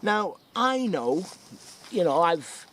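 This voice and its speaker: Male vlogger, instructor type, slightly high-pitched voice. Casual, explanatory outdoor piece to camera, checking in with the viewer. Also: big pitch swings, slow, a bit bright, slight background noise. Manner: conversational, explanatory, often checking in with "okay" and "yeah". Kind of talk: casual book review to camera. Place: outdoors beside a stream.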